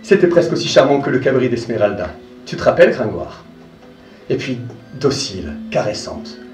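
Expressive male storyteller, high and lively. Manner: expressive, addresses the listener directly, sinks to hushed low asides. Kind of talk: live dramatic reading of a classic tale. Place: live performance room. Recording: roomy distant live recording, faint music.

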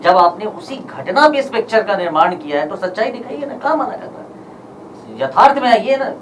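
A man speaking forcefully at a press conference, firing rhetorical questions. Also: high voice, very animated, moderate pace, distant mic, slight background noise, rough recording.

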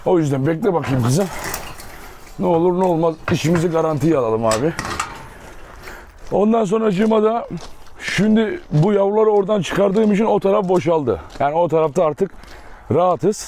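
A man's voice: fairly high pitch, expressive, fairly quick, warm tone. A man vlogging casually from an outdoor dog yard, chatting to viewers and coaxing and teasing his dogs. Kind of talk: casual vlog talk to viewers. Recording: outdoor clip with noise and barking.

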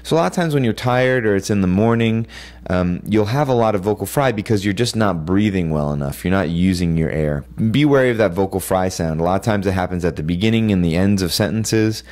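A man's voice: sits low, expressive, a little fast, a little mellow. A man who teaches voice, giving a recorded lecture to students with plain, practical advice and frequent fillers.

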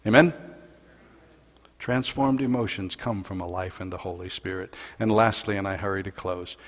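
A man preaching a sermon as a pastor, telling a Bible story and building louder and higher in the dramatic parts. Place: church sanctuary. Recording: long hall reverb in church.

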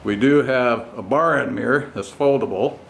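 Mid-range in pitch and edged with vocal fry, a man's voice drifts through an unhurried, informal walkaround of his custom bike in broken, pause-filled phrases. He's a motorcycle vlogger and home mechanic, sounding like a hobbyist with a handheld camera in his home garage. The door is open, and the camera mic's recording is noisy.

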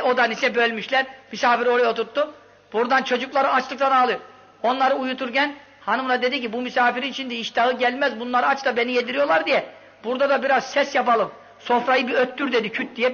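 A man preaching a sermon with impassioned storytelling, swinging from loud outbursts to hushed lines. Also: extremely high pitch. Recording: dull lo-fi recording.

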